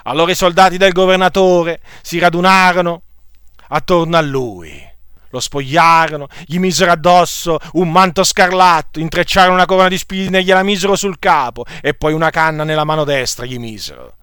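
A man's voice: a little high, fairly quick, a bit bright, smooth, no echo, studio quality. A man preaching a sermon, earnestly retelling a scripture story and repeating phrases for emphasis.

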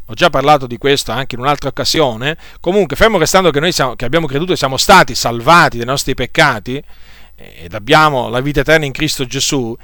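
Male preacher, sermon delivery, bright tone, halting and repetitive phrasing, dry room. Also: fairly high pitch, no echo. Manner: deliberate, with frequent hesitation fillers and repetitions.

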